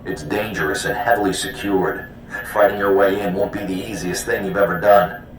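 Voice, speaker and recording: Actor as an easygoing, lowish-voiced military agent. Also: male voice, steady tone, normal speed, close to an everyday voice. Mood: wry, encouraging. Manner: casual, wry. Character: easygoing, confident male military intelligence contact. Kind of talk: video game voice acting. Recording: very echoey, faint rumbling noise.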